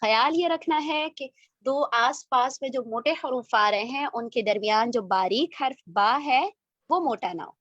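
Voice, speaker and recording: High-voiced woman tajweed teacher. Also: a bit bright, dry recording, highs cut off. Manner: models verses slowly, corrects and praises briskly. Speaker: Quran recitation teacher. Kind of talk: online tajweed lesson, call and repeat.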